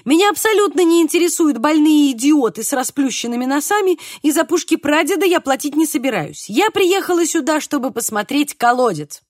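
A woman's voice: high-pitched, very animated, fairly quick, few pauses, no echo, studio quality, voice pushed up. Woman reading as a stubborn, insistent older woman. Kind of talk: audiobook reading.

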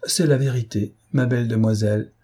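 A man's voice: mid-range voice, fairly even intonation, brisk, warm tone, slightly rough, natural voice. A man doing a flustered old shipowner. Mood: affable. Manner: flustered, indignant. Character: indignant older male shipowner, flustered.

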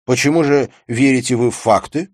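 A man voicing Rudin, an eloquent and confident young debater who speaks in a calm, forceful, lecturing way in an audiobook. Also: mid-range voice, brisk, dry recording, studio quality, voice pushed up, natural voice. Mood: confident arguing. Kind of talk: audiobook character reading.

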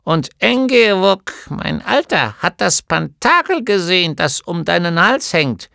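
A man's voice: high-pitched, big pitch swings, measured pace, gravelly, sharp tone, no room sound, studio quality, voice pushed up, exaggerated voice. A man voicing a bossy old female gnome healer in an audiobook, with a scolding, nagging manner. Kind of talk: audiobook character voice.

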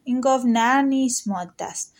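A woman's voice: fairly high pitch, lightly acted. A woman voicing a stingy, cruel male landlord in an audiobook folktale, exclaiming and then pleading. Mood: indignant.

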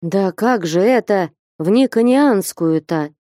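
Woman narrator voicing a fearful, plaintive man begging for mercy; warm tone, dry close mic. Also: lowish voice, animated, unhurried, no echo. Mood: pleading. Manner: pleading, plaintive. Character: timid pleading man, nervous and fearful. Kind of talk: audiobook character reading.

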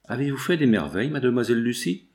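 A man's voice: medium pitch, very animated, fast, a little mellow, lightly acted. A man voicing a rich, sickly young woman, gracious but moody, in an audiobook, in a voice close to his own.

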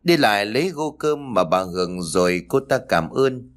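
A man narrating a ghost story in a steady storytelling manner. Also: on the low side, normal speed, soft background music.

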